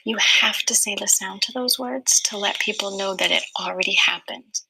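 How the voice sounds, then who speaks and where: A woman teacher leading a small-group reading lesson with young children, asking patient, slow questions. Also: medium pitch, gravelly, bright, forceful tone, breathy edge, rough recording.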